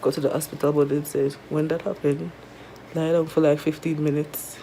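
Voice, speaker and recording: A woman with a Jamaican accent chats casually to viewers in a halting, weary way, her throat sore and mouth dry after tonsil surgery. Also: low-pitched, little pitch movement, warm tone, a little hiss or hum, rough recording. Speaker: vlogger. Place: resting at home in bed.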